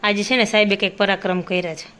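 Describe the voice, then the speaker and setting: A woman's voice: medium pitch, steady tone, fast, a bit bright. A woman in casual family chat, prompting a story with short questions and remarks. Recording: echoey room.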